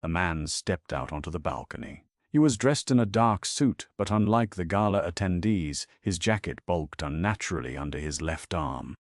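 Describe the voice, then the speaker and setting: Deep-voiced man narrating a story. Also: expressive, moderate pace, hardly any pauses, no room sound, clean studio sound. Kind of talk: scripted narration of a romance story.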